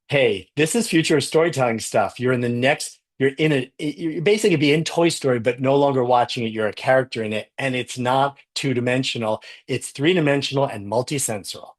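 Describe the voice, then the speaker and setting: A man's voice: medium pitch, fairly quick. A man giving a conference keynote, enthusiastic, often repeating words as he goes. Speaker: conference speaker. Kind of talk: keynote talk.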